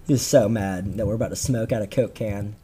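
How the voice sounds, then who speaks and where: A man's voice: lowish voice, steady tone, a little fast, warm tone, slight background noise. A teenage man telling a rambling, slangy story on a casual podcast, with lots of fillers and restarts. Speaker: podcast co-host.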